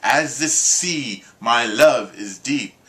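A man reads a nonsense poem aloud to and with his child. His voice is bright and forward, and he gives the lines a rhythmic, sing-song lilt with lively shifts in emphasis. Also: mid-range voice, slow pace. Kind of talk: expressive poetry reading.

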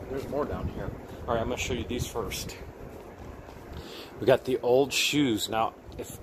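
Amid background noise, a man hosting a laid-back unboxing vlog addresses viewers directly, letting out exclamations and saying things more than once. He speaks in a mid-range voice.

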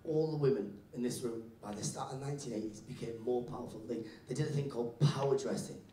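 A man performing live stand-up comedy, telling stories and acting out the people in them. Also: fast. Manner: animated storytelling, acting out characters. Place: live comedy venue with audience. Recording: roomy venue, mic picked up from a distance, faint rumble.

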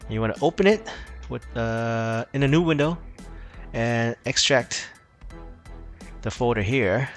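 With lively intonation and a measured pace, a medium-pitched man hosts a casual screen-recorded tutorial on repairing a phone. He rambles loosely with frequent restarts, and faint music plays behind him.

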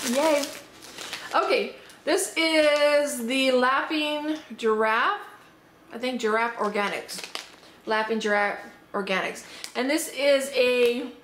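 Upbeat woman vlogger, a little hoarse, higher voice, chatty snack-tasting review in an echoey room with faint noise. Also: a bit bright. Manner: chatty, upbeat, thinking aloud. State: slightly hoarse. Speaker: unboxing vlogger. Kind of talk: casual product tasting review. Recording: roomy echo, faint background noise.

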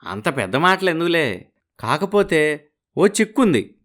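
A man voicing a shrewd village marriage broker who talks in a brisk, businesslike way. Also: fairly high pitch, sing-song, fairly bright tone.

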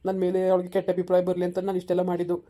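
A woman's voice: lowish voice, monotone, very fast, dark tone, natural voice. Woman playing an earnest young village soldier. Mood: consoling. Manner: soothing, consoling. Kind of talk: village family drama acting.

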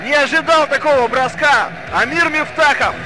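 A man giving excited, exclamatory live hockey commentary, often breaking into shouts. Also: extremely high pitch, moderate pace. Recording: clear rink noise behind commentary. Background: ice arena ambience.

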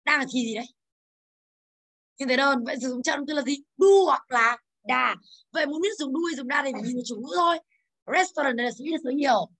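High bright woman teacher, drills the class with questions. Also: fast. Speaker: English teacher.

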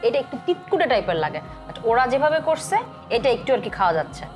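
Her fairly high voice is very animated and fast, a little mellow, with faint music behind it. She's a food vlogger with a Bangladeshi Bengali accent, chatting to camera as she casually reviews food in a restaurant and mixes in English words.

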